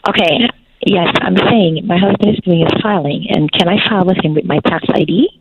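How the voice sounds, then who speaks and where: Woman calling in on a tinny phone line, lowish gravelly voice, halting with lots of ums. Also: very noisy. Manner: hesitant, halting with ums and restarts. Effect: heard over a phone line. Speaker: caller. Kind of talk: call-in question to a radio show.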